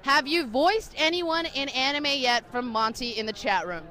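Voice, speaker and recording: Female host, higher voice, playful and teasing, casual convention interview. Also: normal speed, sharp tone. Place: outdoors at a fan convention.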